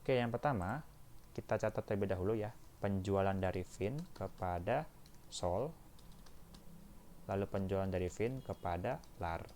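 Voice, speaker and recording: An Indonesian accounting instructor gives an informal, step-by-step tutorial, talking to his listeners like friends and often adding checking tags. His low, slightly mellow voice moves at a moderate pace with long pauses, over a little hiss or hum.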